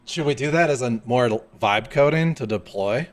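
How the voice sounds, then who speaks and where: A man's voice: mid-range voice, lively intonation, normal speed. A young man hosting a live coding stream, chatting casually, thinking aloud and laughing often.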